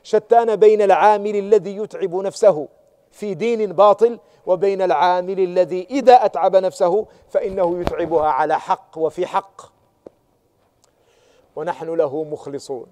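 Guy teaching tafsir in class, high but mellow voice, keeps asking "got it?". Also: moderate pace. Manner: checks understanding with rhetorical questions, stresses and repeats key words. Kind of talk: classroom lecture on Quranic exegesis.

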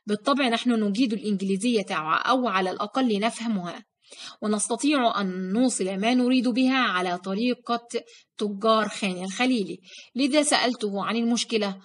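A woman reading a first-person story aloud in a steady, even-paced manner. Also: mid-range voice, fairly quick. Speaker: narrator. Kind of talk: audiobook story narration.

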